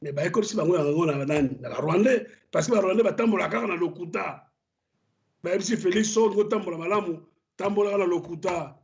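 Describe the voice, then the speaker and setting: High-voiced Congolese man, heated commentary. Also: quick pace, a little mellow. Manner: impassioned, stammers on restarts. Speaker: political commentator. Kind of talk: studio debate commentary. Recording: dull lo-fi broadcast audio.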